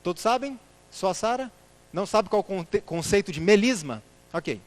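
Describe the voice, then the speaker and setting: A man's voice: high voice, expressive, moderate pace. A man giving a church lecture, putting rhetorical questions to the congregation and calling them brothers. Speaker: church speaker.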